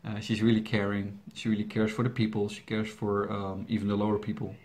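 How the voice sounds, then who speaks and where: Briskly and in English, a young YouTube reaction channel host from the Netherlands, whose first language is Dutch, tackles viewer questions. His voice is on the low side, monotone and darkish in tone. The answers are rambling, hesitant and joking, packed with fillers and restarts.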